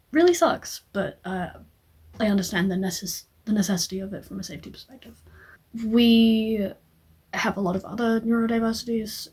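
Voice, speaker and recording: A woman answering an interview question in a hesitant, thoughtful way, with many pauses and fillers. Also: mid-range voice, husky. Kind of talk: personal reflection.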